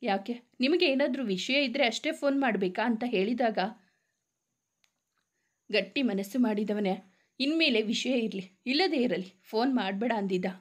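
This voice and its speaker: A woman's voice: on the high side, animated, normal speed. A woman narrating a serialized romance story, reading every character's lines herself with small shifts in tone.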